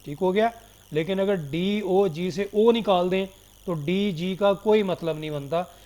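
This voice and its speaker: A man lecturing on phonetics in Hindi-Urdu mixed with English terms. He reads English definitions slowly and checks in often with his students. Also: high voice, darkish tone. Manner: checks in often with "theek ho gaya". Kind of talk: recorded lecture.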